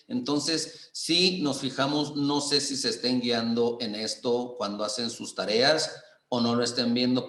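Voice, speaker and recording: A man teaching English in Spanish with a Mexican accent, explaining slowly and patiently and repeating example sentences. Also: mid-range voice, pushed and bright, echoey room. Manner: slow, patient, repeats phrases and stresses intonation. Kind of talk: online class explanation.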